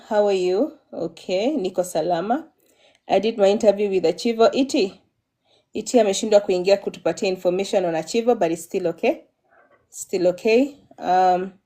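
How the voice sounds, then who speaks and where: A woman's voice: mid-range voice, dark tone. A Kenyan woman hosting a casual live stream, chatting, reading comments aloud and spelling out names. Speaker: livestream host. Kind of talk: casual live chat, mixing English and Swahili.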